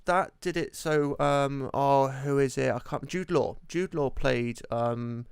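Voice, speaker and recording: Gravelly-voiced man in podcast chat. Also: medium pitch, slow, no echo, clean studio sound. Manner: hesitant, lots of "um" and restarts. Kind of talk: casual podcast discussion.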